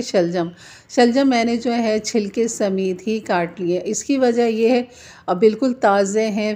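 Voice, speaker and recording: A woman's voice: medium pitch, mellow. A woman narrating a cooking tutorial, patiently explaining the reason behind each step. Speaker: home cook, channel host.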